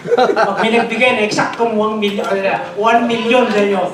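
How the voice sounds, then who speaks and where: A man's voice: high-pitched, steady tone, normal speed, crowd noise. A man preaching a joking sermon as pastor, switching between Tagalog and English and imitating people he talks with. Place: large church hall. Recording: echoey hall, from far off. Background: congregation responding.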